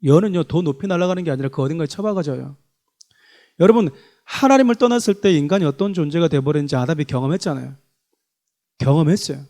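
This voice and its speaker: A man's voice: fairly high pitch, expressive, fast, a little mellow. A man preaching a sermon as pastor, emphatic and full of rhetorical questions to the congregation.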